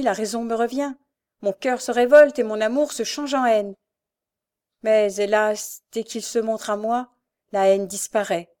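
A woman's voice: a little high, darkish tone, close to an everyday voice. A woman voicing a desperate young woman confessing. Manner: pleading, impassioned outbursts. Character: desperate young woman thief, tormented and ashamed.

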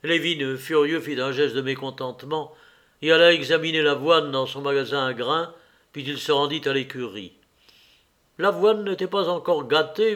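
A man giving a measured, scripted narration of a literary novel for an audiobook. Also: fairly high pitch. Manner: measured, even literary reading. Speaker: audiobook reader.

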